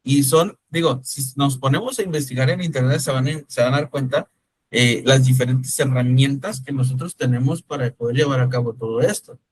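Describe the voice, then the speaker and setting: Man, instructor, conversational lecture, checks understanding often, mid pitch, dry close sound. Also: fairly quick, a little mellow, husky, no room sound, low-quality recording. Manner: conversational, calls on students by name, frequent "¿sí me explico?". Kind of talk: online-style class lecture with questions to students.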